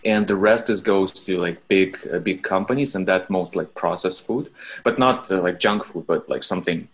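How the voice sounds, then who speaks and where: A man with a Russian accent and a very low, deep voice talks in a relaxed podcast chat. He speaks haltingly, restarting phrases as he hunts for the right English words. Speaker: podcast guest. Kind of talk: casual chat.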